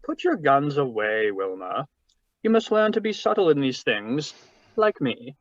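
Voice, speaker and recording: A man's voice: medium pitch, big pitch swings, measured pace, dry recording. A man playing a suave, wordy older crime boss with pompous, florid politeness in a 1940s-style radio drama over a video call. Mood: smug, commanding. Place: remote read-through over a video call. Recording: muffled, dry video-call audio.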